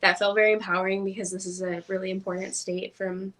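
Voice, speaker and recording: A woman co-hosting a casual livestream from home, talking in an earnest, measured, thoughtful way. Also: mid-range voice, little pitch movement, a bit bright, rough recording. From lives in Florida. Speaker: channel co-host.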